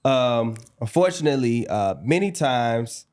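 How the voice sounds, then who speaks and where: A man co-hosting a relaxed couples podcast, with a mid-range voice. He likes to tease, then slows down and lays out his points carefully and deliberately. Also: mid-range voice. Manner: teasing, then slow and deliberate when explaining. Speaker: podcast co-host. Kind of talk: casual couples podcast chat.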